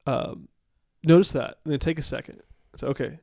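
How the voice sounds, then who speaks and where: A man's voice: on the high side, fairly even intonation, fairly quick, a little mellow, no echo, studio quality. A man in his late twenties in a casual, thoughtful chat with his partner, rambling with many fillers and restarts. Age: late 20s.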